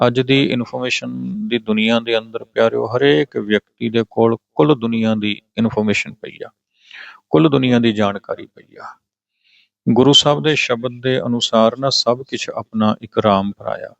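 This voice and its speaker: A man with a Punjabi accent teaching a scripture passage. He chants the verses slowly, then patiently explains pronunciation and meaning. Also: mid-range voice, vocal fry, no room sound, dull audio. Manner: patient, corrects pronunciation step by step. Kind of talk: religious scripture exposition.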